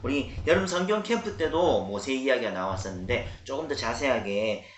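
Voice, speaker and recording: A man leads a children's sermon in an echoing church room. His speech is lively and coaxing, and he often pauses to quiz the kids. A faint hiss sits under the recording. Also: medium pitch. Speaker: children's pastor. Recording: roomy church echo, faint noise.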